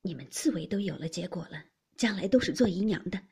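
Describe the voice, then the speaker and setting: A woman voicing a proud young maidservant who bursts out in sharp, indignant protest, with a husky, breathy voice. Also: mid-range voice, sing-song, moderate pace, full character voice. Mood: angry.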